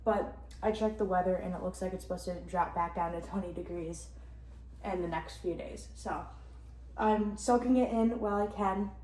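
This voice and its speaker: A woman's voice: on the low side, normal speed, a little mellow, roomy sound, poor audio. A young woman from the Upper Midwest chatting casually in a vlog, rambling and upbeat, chewing gum as she talks. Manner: chewing gum while talking. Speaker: running vlogger.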